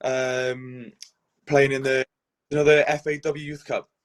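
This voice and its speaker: A Welsh goalkeeper in his twenties, with a Cardiff accent, answers interview questions as a guest. His medium-pitched voice is clean in tone and comes at a measured pace. He sounds relaxed and casual, dropping plenty of "um"s and "and stuff."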